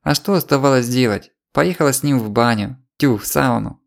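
The voice is a man's, medium in pitch with vocal fry and close to his ordinary speaking voice, as he plays a chattering, scheming market trader woman with a Ukrainian accent. He has her complain tearfully and rapidly, in a wheedling mood.

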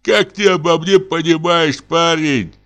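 A man's voice: medium pitch, lively intonation, unhurried, bright, forceful tone, soft background music, pitched above the performer's own voice. A man reading an audiobook voices a timid, pious old male forester who whines and sighs in fright. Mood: frightened whining. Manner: whining, sighing, fearful.

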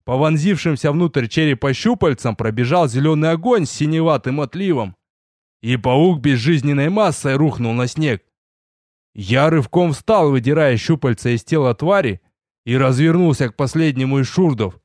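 A man narrating a first-person fantasy story in an audiobook, telling it with lively storytelling and voiced dialogue. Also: a little high, moderate pace, dry recording, clean studio sound.

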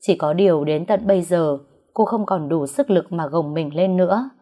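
Low, mellow woman narrating a story. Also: normal speed. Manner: calm, even storytelling. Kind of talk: scripted narration.

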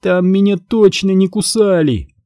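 A man's voice: sits high, measured pace, warm tone, dry recording, clean studio sound, pitched above the performer's own voice. A man voicing Katie, a tearful pleading teenage girl. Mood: indignant. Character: teenage girl, frightened and lovesick.

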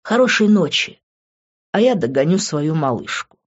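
A woman's voice: low-pitched, big pitch swings, normal speed, husky, heavily acted. A woman reading an audiobook, voicing a cocky young man who taunts his rival. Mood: smug. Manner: smug, taunting. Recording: dull lo-fi recording.

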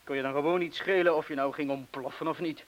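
In a Dutch radio play, an actor portrays a self-doubting wartime bomb disposal man making a bitter confession of his cowardice, colloquial and self-deprecating. His voice is on the high side, fast and fairly even, close to an everyday voice. The old recording is hissy and sounds dull.

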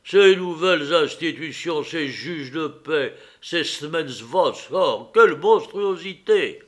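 A man's voice: fairly high pitch, lively intonation, slow pace. A man voicing an agitated drunken elder brother. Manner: loud, agitated outbursts. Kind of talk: audiobook character reading.

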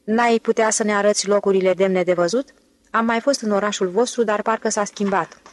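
A woman's voice: medium pitch, fairly even intonation, lightly acted. A woman reading the part of a sly, ironic male con man in an audiobook. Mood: probing. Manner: ironic, probing. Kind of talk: audiobook character voice.

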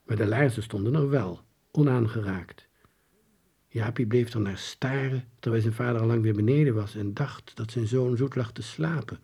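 A man reading a children's book aloud in a lively storytelling manner. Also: moderate pace, breathy edge. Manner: lively storytelling with varied pitch. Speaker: audiobook reader. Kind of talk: scripted narration of a children's book.

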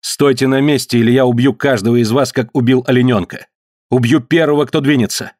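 A man voicing a fierce young male savage who shouts commands and challenges the group's leader. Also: medium pitch, normal speed, dry recording, clean studio sound, close to an everyday voice. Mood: defiant.

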